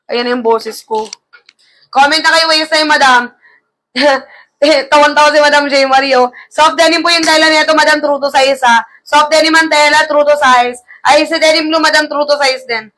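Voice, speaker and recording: An online live seller, a woman with a high, bright voice, runs through brisk, repetitive sales patter and calls her buyers "madam." Her intonation stays fairly even, and she sounds tired and low on energy after all the shouting. The close-up streaming mic picks up a slight gravel in her voice.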